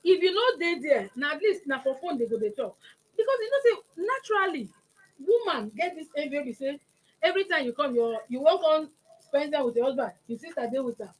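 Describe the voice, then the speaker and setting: High-pitched Nigerian woman talking conversationally. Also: lively intonation, a little fast, rough recording. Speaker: talk show host. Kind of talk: conversational talk in Nigerian Pidgin.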